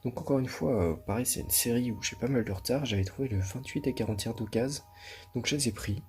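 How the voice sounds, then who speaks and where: A man hosting his own video, chatting casually and showing off his collection, relaxed and full of hesitations and fillers. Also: medium pitch, fast, soft background music. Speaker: manga collection video host.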